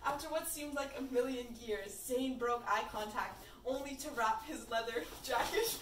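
A woman's voice: on the high side, moderate pace. A teenage girl reading fan fiction aloud in a playful way, hamming up the quoted lines. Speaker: fanfiction reader. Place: room at a birthday party. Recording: echoey room, far from the mic, faint noise.

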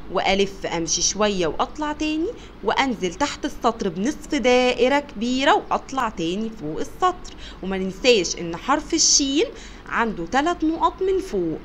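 An encouraging young woman with an Egyptian Arabic accent teaches small children their letters. Her voice sits fairly high and swings up and down a great deal as she drags each sound out slowly and loudly. A faint hiss runs under the recording. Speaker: kindergarten teacher.

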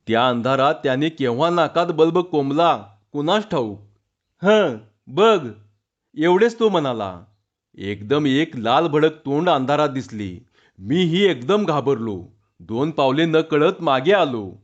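A man's voice: fairly high pitch, expressive, a little slow, dull audio. Man reading a humorous story.

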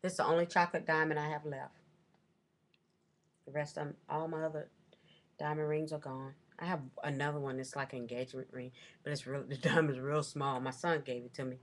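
A woman's voice: extremely low pitch, a little hiss or hum. A middle-aged woman in a small room at home, chatting into her webcam as she shows off things she bought, rambling and correcting herself as she goes. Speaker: vlogger. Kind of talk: casual shopping haul show-and-tell. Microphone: webcam at desk.

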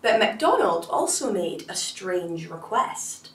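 A woman reading a children's folktale aloud, expressive and slow with dramatic pauses, recorded roomy and from a distance. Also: lowish voice. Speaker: storyteller.

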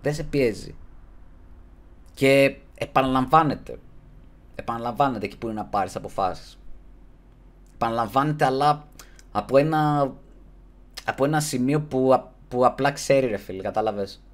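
A man hosting a casual podcast, giving earnest advice in slangy talk and closing his sentences with a low, mumbled "bro". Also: long pauses. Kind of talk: casual streamed podcast chat.

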